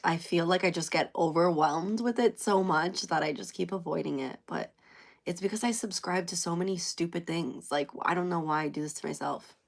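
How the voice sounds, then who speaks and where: Chatty low gravelly woman livestreaming. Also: normal speed. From Canada. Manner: chatty, answers viewer comments, often trails off. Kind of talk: casual live-stream chat.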